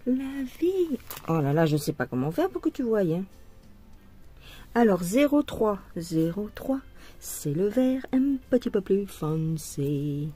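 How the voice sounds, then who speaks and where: A French woman chats while she stitches beads, singing along under her breath between casual remarks. Her voice is mellow and slightly husky, her pace slow. Faint music plays behind her. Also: medium pitch, big pitch swings. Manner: sings along softly, chatty asides. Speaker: craft vlogger. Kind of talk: casual chat while bead embroidering.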